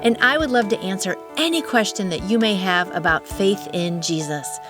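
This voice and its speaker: Music plays in the background as a woman with a mid-range voice leads her morning devotional. She reads the day's passage with casual commentary, slows for scripture, and keeps her own asides warm and chatty.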